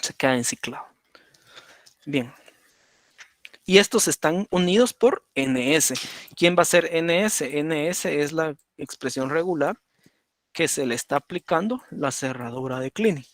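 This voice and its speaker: A man's voice: a little high, dry recording. A man teaching a lesson at his computer, explaining step by step and checking in with "right?" as he draws. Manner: explanatory, repeats "por ejemplo" and "¿verdad?". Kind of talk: lecture on automata.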